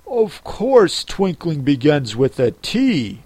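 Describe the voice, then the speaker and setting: A man's voice: on the high side, very animated, slow pace, darkish tone, slightly rough, no room sound, heavily acted. A man voicing a pompous, impatient male king who speaks sharply and commandingly. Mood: imperious.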